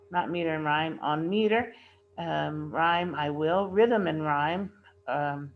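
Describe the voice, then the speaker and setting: Woman teacher, recorded workbook lesson, patient, repeats key terms, fairly low voice, dull lo-fi sound. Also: a little hiss or hum. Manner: reads poem aloud with stressed line endings.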